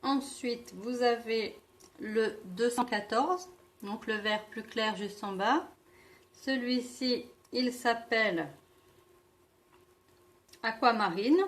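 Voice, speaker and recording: Brief: woman, higher voice, unhurried, hesitant casual makeup review, frequent self-corrections. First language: French. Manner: hesitant, stumbling over product names and self-correcting. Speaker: beauty vlogger.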